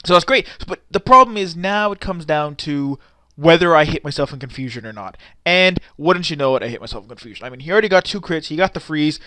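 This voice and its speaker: A man's voice: a little high, a bit bright, no echo. Young man rambling over a game replay. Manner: rambling, frustrated, swears often. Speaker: gaming commentator. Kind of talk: casual game commentary.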